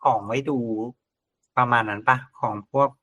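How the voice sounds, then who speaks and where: A man's voice: medium pitch, steady tone, moderate pace, sharp tone, dry recording. A man co-hosting a casual Thai podcast, musing as he reads out a list of suggestions. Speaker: podcast host. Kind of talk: casual chat.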